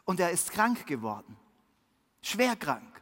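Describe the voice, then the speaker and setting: A preacher telling a Bible story to children in a sermon, with vivid swings between hushed and lively delivery. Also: medium pitch, a little slow, big-room sound.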